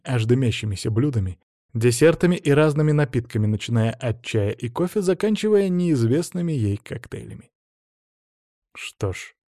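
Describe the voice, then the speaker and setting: A man narrating a fantasy romance audiobook in an even storytelling manner. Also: medium pitch, dry recording, studio quality. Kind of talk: scripted narration.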